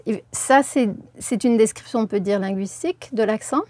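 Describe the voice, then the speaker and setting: A woman linguistics professor giving careful, measured explanations in an interview, with frequent hesitations. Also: on the high side, a little mellow, dry recording.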